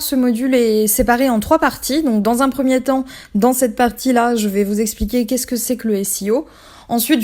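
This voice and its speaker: A young woman with a fairly high voice talks through a beginner lesson in a relaxed, chatty way. She fills her sentences with little spoken fillers as she explains things step by step like an online trainer. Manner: chatty, many fillers like "du coup" and "bah".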